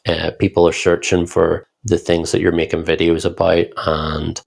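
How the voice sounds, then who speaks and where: A man with a Northern Irish accent talks through his experience in a relaxed, explanatory podcast style. His voice sits low and carries a gravelly texture. The delivery stays level, with little rise and fall. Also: moderate pace. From Northern Ireland. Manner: reflective, explanatory, steady. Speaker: podcast co-host, founder. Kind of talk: casual podcast conversation.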